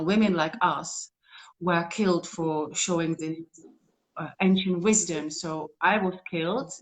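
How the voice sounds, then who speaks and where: This Czech woman, fairly low-pitched and heard through poor audio, is a guest on a video call. She talks earnestly but rambles, often starting over, in a casual interview.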